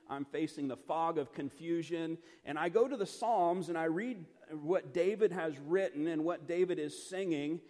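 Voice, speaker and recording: A man's voice: on the high side, in a large hall. A middle-aged man leading a Bible study, talking earnestly and conversationally with lots of fillers and restarts. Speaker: pastor.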